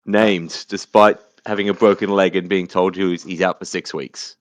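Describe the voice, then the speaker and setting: A man's voice: deep voice, fairly even intonation, moderate pace, no echo. A man co-hosting a casual sports podcast, informally reasoning out his opinions. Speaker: podcast co-host.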